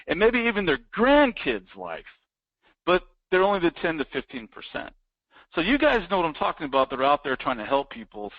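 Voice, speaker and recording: Animated fired-up male business trainer. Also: a little high, no echo, lo-fi sound. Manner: emphatic, repetitive, fired-up. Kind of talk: motivational live training. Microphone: live-streamed online.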